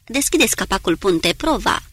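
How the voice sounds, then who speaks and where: A woman's voice: mid-range voice, sing-song, breathy edge, no room sound. A woman voicing a curt male submarine commander. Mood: commanding. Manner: barks short orders, raised and loud. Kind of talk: audiobook character reading.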